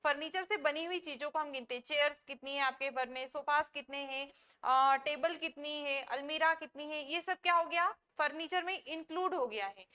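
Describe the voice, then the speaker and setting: High bright-voiced woman teaching English. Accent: Indian English. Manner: explains slowly, asks and answers own questions. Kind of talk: classroom lecture.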